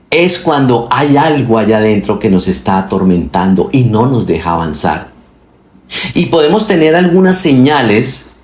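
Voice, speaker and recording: Preaching pastor with wide swings in emphasis. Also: male voice, medium pitch, darkish tone, echoey room. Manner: preaching with rising and falling emphasis, asking the congregation questions. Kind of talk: sermon.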